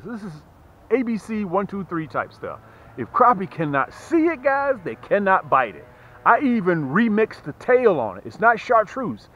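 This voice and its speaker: A fishing host who sells tackle pitches his products to the camera in a fairly high, very lively voice. He's folksy and emphatic in this casual sales talk, repeating himself to hammer points home. The audio is slightly muffled, with some background noise.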